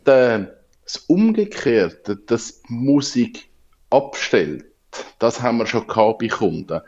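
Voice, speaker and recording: A man's voice: medium pitch, animated, slow, a little mellow. Man on dull radio line. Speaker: radio tech show co-host. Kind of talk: casual radio chat.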